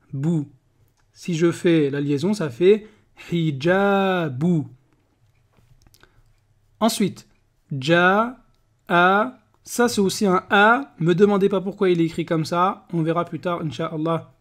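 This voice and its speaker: A reading teacher talks at an unhurried, deliberate pace, sounding out syllables one at a time. The voice sits at an ordinary middle pitch. The teacher keeps pausing to check in with learners. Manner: patient, checks understanding with frequent "ok?"; reads syllable drills one by one. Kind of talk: step-by-step reading lesson.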